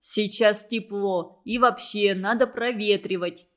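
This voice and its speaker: A woman voicing a calm, sensible boy leader. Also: medium pitch, unhurried, close to an everyday voice. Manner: calm, reasoning. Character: calm, level-headed boy team leader.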